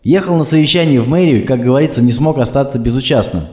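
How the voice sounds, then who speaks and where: A man's voice: mid-range voice, fast, a little mellow, voice pushed up, natural voice. A stiff, bureaucratic middle-aged official, played by a male reader, speaking in formal phrases. A light room echo surrounds the voice. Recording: roomy echo.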